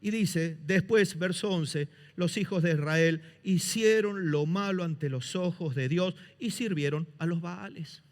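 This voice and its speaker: A man's voice: high voice, measured pace, hardly any pauses. A man preaching a sermon as pastor, impassioned, mimicking excuses and quoting scripture. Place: church sanctuary. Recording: reverberant church hall.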